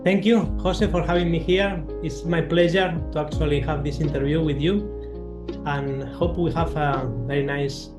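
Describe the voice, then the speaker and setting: A man's voice: fairly high pitch, fairly even intonation, normal speed, reverberant, over music. A man from Spain with a Spanish accent, speaking as a guest composer in an interview, thoughtful and hesitant with many fillers. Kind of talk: interview conversation.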